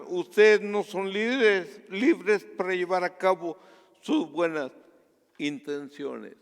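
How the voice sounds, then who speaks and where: Slow, high-voiced pastor preaching in a hall. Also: male voice. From Guatemala. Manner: earnest, measured preaching that drops to a hush on personal stories. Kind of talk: sermon.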